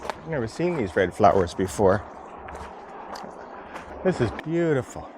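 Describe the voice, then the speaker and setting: A man's voice: fairly low pitch, sing-song, measured pace, very noisy. A man walking outdoors through ancient ruins, musing skeptically and a little tired from hiking. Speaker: vlog host. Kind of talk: casual walking commentary.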